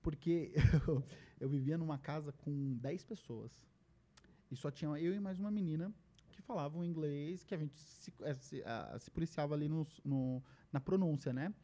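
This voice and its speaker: Speaking a little high at normal speed, a young man with a Brazilian Portuguese accent chats casually as a podcast guest. He's a lively storyteller who performs the lines he quotes.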